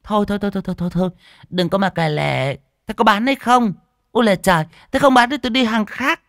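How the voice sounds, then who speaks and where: A man doing a shrill, sharp-tongued market woman. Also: fast talker, creaky, no room sound, clean studio sound. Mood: scolding.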